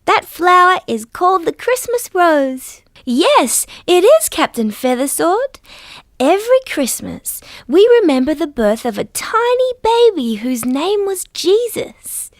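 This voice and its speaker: A woman's voice: very high voice, very animated, a little slow, dry recording, studio quality, full character voice. A woman voicing a cheerful, kindly female dinosaur for a young children's show, speaking in a sing-song, carefully enunciated way. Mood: gentle storytelling. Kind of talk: children's show character presenting to young viewers.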